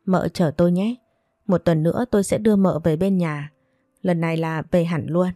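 A devoted young husband speaking gently and politely, as a woman narrator puts him on. The voice is low and warm, recorded dry. This is a storybook reading. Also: fairly even intonation, moderate pace, dry recording, lightly acted. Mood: gentle.

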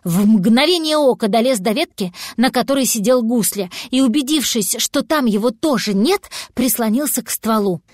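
A woman narrating a children's storybook in a lively, expressive way. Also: on the high side, moderate pace, few pauses, no room sound, studio quality. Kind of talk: storybook reading.

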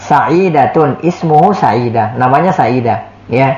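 A man's voice: mid-range voice, expressive, a little slow, darkish tone. A man teaching Arabic in a classroom lesson, explaining patiently, repeating words and often checking with "ya". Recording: echoey, dull lo-fi room recording.

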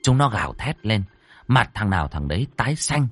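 A man's voice: lowish voice, sing-song, fairly quick, husky, no room sound. A man narrating a ghost story dramatically, voicing each character himself. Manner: dramatic, acting out every character.

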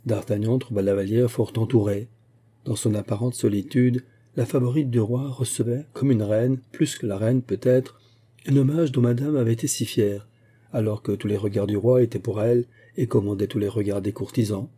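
A man reading a classic novel aloud as a narrator, in a measured literary manner. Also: mid-range voice, fairly even intonation, mellow, husky. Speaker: audiobook narrator. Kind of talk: scripted narration.

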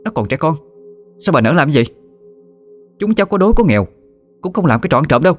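A man's voice: on the high side, sing-song, fast talker, soft background music, voice pushed up. A man voicing a young village mother who speaks firmly in her family's defence. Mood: indignant. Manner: protective, firm.

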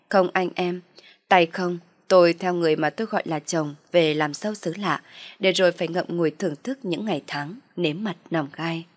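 A woman reading a first-person story aloud in a steady, rueful telling. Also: fairly low pitch. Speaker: audio story reader.

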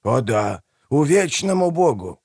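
A toothless old market trader, as a male reader puts him on, all fawning, conspiratorial patter. His voice is gravelly and husky, and it leaps up and down in pitch. The reading is close and dry, with no room sound. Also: big pitch swings, measured pace, a little mellow, dry recording, full character voice. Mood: wheedling. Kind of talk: audiobook character voice.

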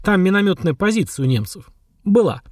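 A man's voice: high voice, sing-song, brisk, darkish tone, dry recording, clean studio sound, pitched above the performer's own voice. A man reading the part of a blunt, fearless veteran army sergeant in an audiobook, with a confident, plain-spoken manner. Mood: reporting.

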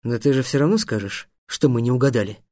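Man doing a timid young apprentice, hesitant, quiet, storybook, dry sound. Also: high-pitched, animated, measured pace, dry recording, pitched above the performer's own voice. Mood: glum. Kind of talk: audiobook character voice.

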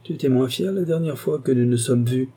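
A man voicing an irascible older uncle who shouts and bullies in a storybook reading. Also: mid-range voice, fairly quick, breathy edge, voice pushed up, natural voice. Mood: angry. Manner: shouting, bullying. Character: irascible elderly male uncle, blustering.

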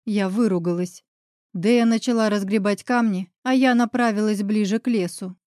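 Expressive woman reading a fantasy story. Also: on the high side, no echo, clean studio sound. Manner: expressive, acts out the heroine's outbursts. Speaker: audiobook narrator. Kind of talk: first-person narration of a fantasy novel.

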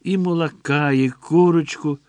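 A man voicing a frightened village woman who pleads in a hurried voice. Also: a little high, steady tone, a little mellow, no echo, voice pushed up, lightly acted. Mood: pleading.

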